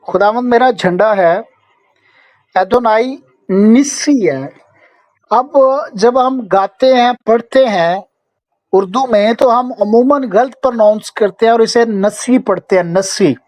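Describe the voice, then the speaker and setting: A man's voice: extremely high pitch, slow, a little mellow, no room sound. A man with a Pakistani Urdu accent teaching an online Bible and Hebrew lesson over a video call, patiently checking in with his students. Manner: patient, often checking in with "okay?".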